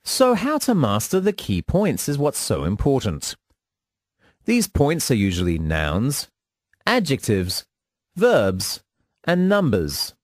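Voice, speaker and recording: A man delivering a scripted instructional monologue in a measured, formal teaching manner. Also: on the high side, no echo, studio quality. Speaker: lecturer.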